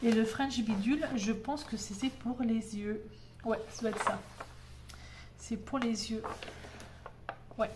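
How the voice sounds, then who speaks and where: A woman's voice: a little high, steady tone, slow, pauses often, heavy background noise. A woman vlogger chatting at home, enthusiastic and full of hesitations as she shows her craft kits. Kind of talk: casual show-and-tell chat.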